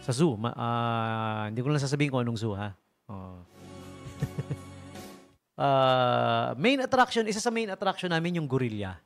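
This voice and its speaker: A man's voice: medium pitch, lively intonation, normal speed, faint music behind. A man from the Philippines working as a radio DJ, telling jokes in a chatty way and laughing at his own punchlines. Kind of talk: joking radio talk. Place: radio studio.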